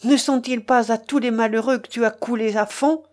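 A woman voicing a furious, thundering older male rear admiral in a storybook reading, booming and indignant. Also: steady tone, moderate pace, a little mellow, natural voice.

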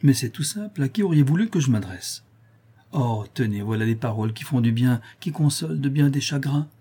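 A man reading an audiobook, voicing a frank, cheerful young woman who pleads lovingly, pitching his voice higher. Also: animated, a little fast, mellow, slightly rough.

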